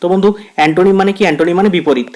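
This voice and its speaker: A man's voice: sits high, darkish tone. Man teaching grammar in a Bengali accent. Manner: addresses viewers as friend, repeats phrases; reads English quiz sentences slowly, word by word. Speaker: English teacher. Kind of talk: exam-prep grammar lesson.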